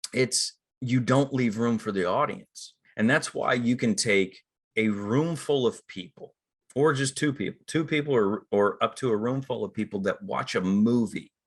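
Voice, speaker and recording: Low-voiced man coaching actors casually. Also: fairly bright tone. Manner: conversational, acts out quoted inner thoughts. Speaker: acting coach. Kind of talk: casual teaching talk on acting.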